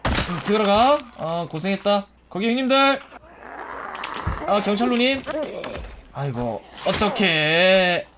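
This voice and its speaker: A man casually commenting on his own gameplay, jokey and animated, swearing and yelping at enemies. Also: high-pitched, measured pace, pauses often, noisy background. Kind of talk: casual let's-play commentary.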